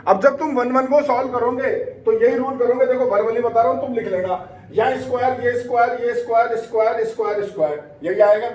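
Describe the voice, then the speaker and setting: A man teaching a maths revision class with a fairly high voice. He fires off quick rhetorical questions and drops English maths terms into his explanations. He sounds a little distant from the mic, with room echo and faint background noise. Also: darkish tone. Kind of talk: exam revision lesson.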